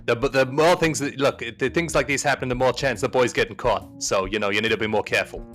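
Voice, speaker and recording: A man voicing a tough male 1920s mobster on the phone who talks in a gruff, needling, lecturing way. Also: mid-range voice, fast talker, a bit bright, soft background music, lightly acted. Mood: scolding.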